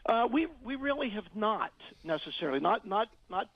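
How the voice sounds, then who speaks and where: A man's voice: high-pitched, sing-song, moderate pace, muffled recording. A middle-aged man explaining things as a financial advisor in a radio interview, often repeating words as he searches for phrasing.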